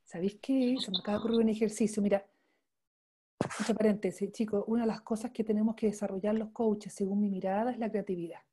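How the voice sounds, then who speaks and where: A woman coaching trainer leads an online class live and informally, effusive and emphatic, often checking in with short questions. Her medium-pitched voice is mellow and slightly rough, with fairly even intonation and a quick pace.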